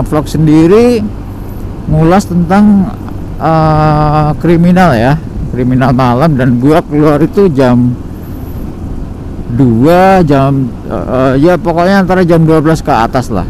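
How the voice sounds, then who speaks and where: A young Indonesian motovlogger with a Jakarta slang accent rambles to himself in a relaxed, filler-heavy way while riding a motorcycle through city streets at night. His voice is on the high side and slow, captured by a helmet-mounted action camera. The rough recording carries engine, road, and traffic noise behind him.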